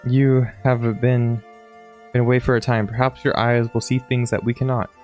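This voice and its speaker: A man reading out a worried old temple keeper from a game, urgently pleading for help in hushed tones. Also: medium pitch, level tone, moderate pace, faint music behind, voice pushed up, natural voice. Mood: anxious.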